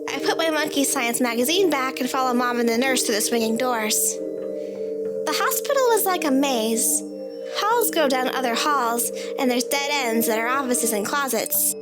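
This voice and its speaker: A woman with a high voice reads a first-person story at normal speed, narrating as a child in a childlike, matter-of-fact way. A loud music bed plays under her voice.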